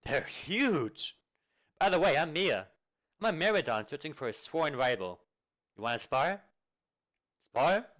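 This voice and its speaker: A man voicing a cocky, eager young swordswoman with a loud, bouncy, bragging delivery. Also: a little high, sing-song, a little slow, pauses often, voice pushed up. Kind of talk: amateur video game fan dub.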